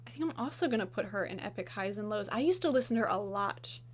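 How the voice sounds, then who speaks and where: A woman chatting casually as she ranks songs, gushing and enthusiastic, with lots of filler words and a slightly hoarse voice. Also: mid-range voice, animated, fast talker. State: slightly hoarse, losing her voice. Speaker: video host. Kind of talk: casual music ranking chat.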